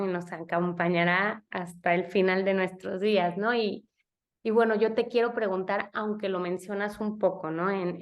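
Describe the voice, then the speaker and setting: A woman hosting a podcast interview, chatting in a reflective way with frequent tag questions. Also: medium pitch. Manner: warmly reflective, frequent "no?" tags, restarts. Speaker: podcast host. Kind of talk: casual interview chat.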